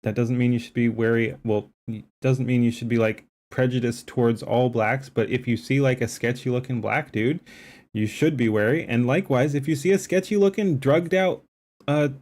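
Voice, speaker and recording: Live on his stream, a man reacts to a debate clip at a moderate pace in a medium-pitched, darkish voice. His commentary is emphatic and rambling, loaded with fillers and restarts.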